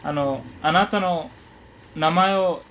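Higher-voiced male interviewer, faint noise. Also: a bit bright. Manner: polite, halting questions with frequent backchannels. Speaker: oral history interviewer. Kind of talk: gentle question-and-answer interview.

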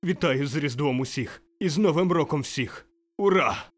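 A man's voice: a little high, lively intonation, moderate pace, pitched above the performer's own voice. Man playing an overjoyed old Scrooge. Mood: giddy, exultant. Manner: exclaiming, breathless, laughing. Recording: faint music behind.

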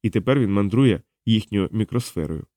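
A man narrating a science-fiction audiobook in first person, in a calm, measured reading. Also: lowish voice, dry recording, studio quality.

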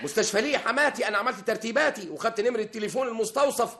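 A boastful broke comic husband. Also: male voice, high-pitched, very fast, a bit bright. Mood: self-justifying. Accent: Egyptian Arabic. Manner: self-important, joking, wheedling. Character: boastful penniless husband, comic male schemer. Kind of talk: 1950s Egyptian radio comedy acting.

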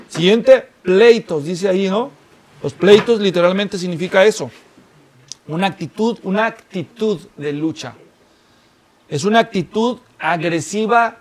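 A man preaching a sermon, animated and often checking in with the congregation with quick rhetorical questions. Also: sits high, a little hiss or hum. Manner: animated, keeps asking the congregation "right?".

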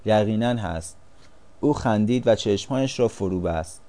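A man narrating a storybook as an audiobook, reading in an even, steady way. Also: fairly low pitch.

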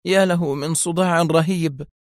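A man's voice: on the high side, steady tone, normal speed, no room sound, pitched above the performer's own voice, natural voice. A man voicing an anxious young woman who exclaims in alarm, in a dry recording. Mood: groggy.

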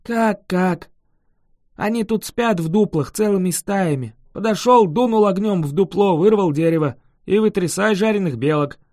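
A reader voicing a chatty, boastful male dragon who huffs and protests loudly in an audiobook. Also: medium pitch, moderate pace, dry recording, clean studio sound, close to an everyday voice. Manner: indignant, emphatic, loud. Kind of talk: audiobook character voice.

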